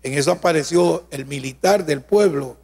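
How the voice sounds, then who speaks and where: A man preaching a sermon at a convention, fervent and storytelling, calling out to his listeners and at times bursting into shouts. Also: on the high side, normal speed, vocal fry, breathy edge. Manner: fervent, tells healing stories, calls out "amén" and "hermano". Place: large hall at a preaching convention. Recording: long hall reverb.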